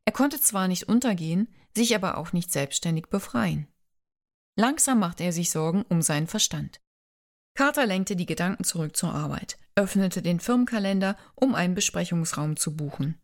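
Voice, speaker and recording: A woman's voice: on the low side, expressive, normal speed. A woman reading a romance novel aloud as narrator, lightly voicing the characters' lines. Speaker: audiobook narrator. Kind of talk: scripted narration.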